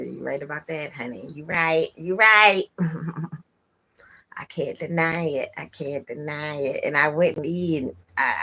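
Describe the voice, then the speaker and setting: Streaming from bed at home on a phone camera, a woman with a low, husky, breathy voice hosts a casual chat with her viewers. Drowsy, she drifts between murmurs and abrupt bursts of loud laughter.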